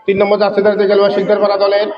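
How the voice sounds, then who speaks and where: A man giving excited live play-by-play football commentary, repeating names and phrases and raising his voice as the action builds. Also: high voice, rapid-fire, muffled recording, a crowd in the background. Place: local outdoor football ground.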